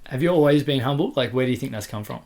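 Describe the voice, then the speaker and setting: A man's voice: medium pitch, lively intonation, rapid-fire, a little mellow. A man hosting a podcast who asks questions and teases his guest playfully. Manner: playful, teasing, laughs easily. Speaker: podcast host. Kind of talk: casual chat. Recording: roomy room sound.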